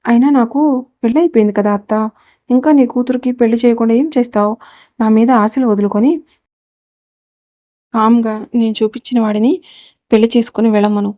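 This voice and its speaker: A woman's voice: fairly high pitch, fairly even intonation, a little fast, long pauses, no room sound, muffled recording, close to an everyday voice. A woman reading the lines of a domineering young man who speaks coldly and makes threats, in a Telugu audio story. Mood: menacing. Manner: cold, commanding and quietly threatening.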